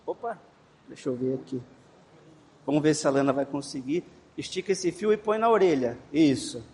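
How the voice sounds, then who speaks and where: A man's voice: on the high side, normal speed, darkish tone. A man teaching a children's Bible class, coaxing and encouraging them and repeating instructions. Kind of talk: leading a children's game. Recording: echoey room, faint background noise.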